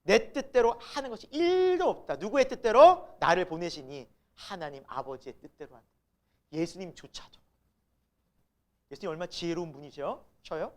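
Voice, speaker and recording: A woman's voice: on the low side, lively intonation, normal speed, darkish tone. A middle-aged woman pastor preaching a sermon, emphatic, asking the congregation rhetorical questions and building to exclamations.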